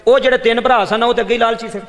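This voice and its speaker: A man's voice: extremely high pitch, fairly even intonation, racing. A man with a Pakistani Punjabi accent preaching a fervent storytelling sermon and speaking straight to his listeners. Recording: long hall reverb.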